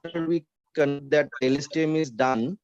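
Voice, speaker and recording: A man asking a halting, hesitant question in a conference Q&A, his voice coming through choppy, breaking-up online call audio. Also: fairly high pitch, steady tone, a little mellow, no echo, soft background music. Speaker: audience member asking a question. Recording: dull, lo-fi remote call line.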